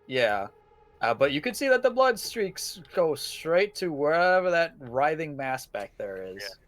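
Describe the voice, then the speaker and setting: A man's voice: a little high, big pitch swings, unhurried, fairly bright tone. A man narrating a tabletop horror game as game master, casual with lots of fillers and chuckles.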